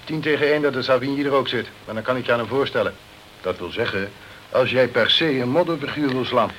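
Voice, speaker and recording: In a crime radio play, a male actor voices a sceptical, self-protective British consul who talks in a condescending, chummy, blustering way. The voice is mid-range, fairly bright and close to everyday speech, moving at a quick pace with a wry mood. The audio is poor, with a little hiss or hum.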